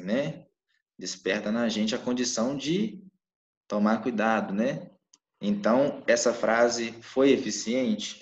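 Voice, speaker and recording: Low-voiced man teaching online. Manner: explains with frequent "né?" and "tá?" check-ins. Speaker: Portuguese teacher. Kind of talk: live online class. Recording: echoey room, dull lo-fi mic.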